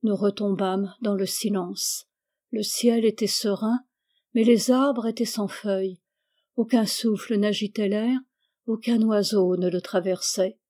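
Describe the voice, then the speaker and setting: A woman reads a classic novel aloud with a mellow, warm voice. Her pacing is measured and even, as in literary audiobook narration. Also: medium pitch. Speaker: audiobook reader.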